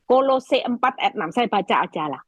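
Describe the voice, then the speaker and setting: A woman evangelist preaching over a video call, telling stories in a lively way and speaking straight to her listeners. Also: on the high side, a little fast, breathy edge, no echo. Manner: lively storytelling, addresses listeners directly.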